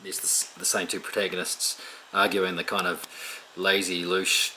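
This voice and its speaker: A man, an illustrator, chatting in a relaxed way about his own artwork with frequent ums, recorded as a close voice-over. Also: low voice, moderate pace, a little hiss or hum, rough recording. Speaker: picture book illustrator.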